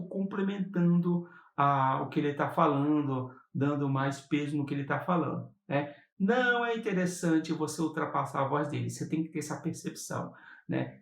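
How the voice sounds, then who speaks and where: A man's voice: fairly high pitch, vocal fry. A man with a Brazilian Portuguese accent teaching keyboard in a casual live lesson, explaining as he plays and often checking in with the listener. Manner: explains while playing, many tag questions. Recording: roomy sound with loud keyboard music. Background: keyboard playing.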